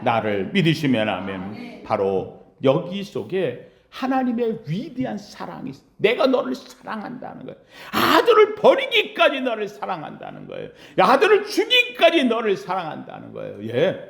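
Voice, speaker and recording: A man preaching a Sunday sermon as pastor in a church sanctuary, asking the congregation questions and answering them himself, swinging between loud cries and hushed low lines. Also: wildly swooping pitch, moderate pace, gravelly, hardly any pauses, echoey room.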